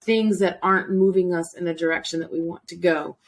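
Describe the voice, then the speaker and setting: A woman's voice: lowish voice, fairly even intonation, fairly quick, slight background noise. A middle-aged woman hosting a casual interview, chatty, repeating phrases and laughing easily. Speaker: host.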